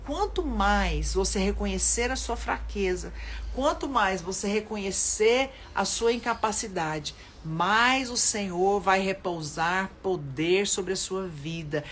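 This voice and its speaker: A woman with a Brazilian Portuguese accent preaching in a live-streamed sermon, fervent, rising into loud pleading prayer and reading viewers' comments aloud. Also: medium pitch, a little hiss or hum.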